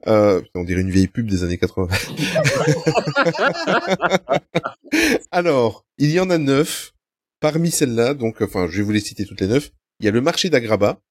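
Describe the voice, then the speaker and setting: A man's voice: medium pitch, a little slow, pauses often, no room sound, studio quality. A man hosting a casual podcast quiz in a playful way, reading out questions and answer choices. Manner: animated, playful, reads quiz options aloud. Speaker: podcast host and quizmaster.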